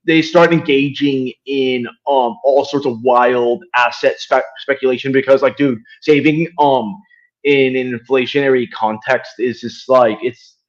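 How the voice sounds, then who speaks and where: A man's voice: medium pitch, steady tone, unhurried, highs cut off. A man from Venezuela, a podcast guest talking politics in a rambling way with many fillers and restarts. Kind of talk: casual political discussion.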